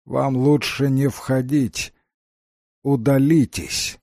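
A man's voice: mid-range voice, steady tone, slow, vocal fry, warm tone, dry recording, studio quality. A man doing a vacant, cold old man. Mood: detached.

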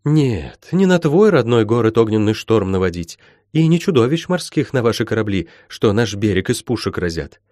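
A man's voice: on the low side, very animated, moderate pace, hardly any pauses, darkish tone, no room sound, studio quality. A man voicing a stern middle-aged woman healer who talks in old-fashioned folksy speech, in an audiobook. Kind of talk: audiobook character voice.

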